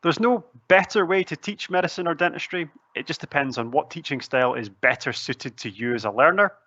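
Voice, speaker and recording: Young man with broad Scottish accent, bright voice. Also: a little high, lively intonation, fairly quick, no room sound, lo-fi sound. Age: young adult. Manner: chatty, articulate, lightly humorous. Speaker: student recruitment officer giving a presentation. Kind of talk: conversational pre-recorded presentation. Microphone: headset, seen on webcam.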